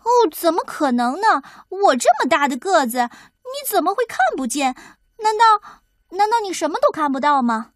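A woman's voice: sits high, very animated, unhurried, a bit bright, dry recording, studio quality, exaggerated voice. A woman voicing a cheerful, thoughtful little male mouse who talks eagerly.

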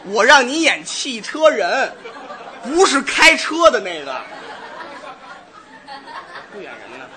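A man's voice: very high voice, very animated, takes it slowly, sharp tone, some chatter behind. A man performing Chinese crosstalk comedy on stage as a bossy director correcting his partner. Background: audience laughter.

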